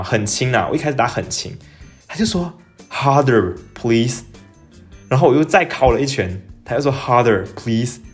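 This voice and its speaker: A young man, telling a personal story in a casual, animated podcast monologue and dropping English phrases into his talk. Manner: animated, jumps up in pitch when excited, mixes in English phrases. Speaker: podcast host.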